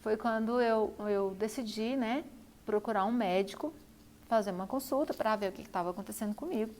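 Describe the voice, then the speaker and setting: A woman's voice: mid-range voice, a little fast, a little mellow, a little hiss or hum. A woman telling her own story to camera, repeating phrases for emphasis. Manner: repetitive, emphatic retelling. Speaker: vlogger.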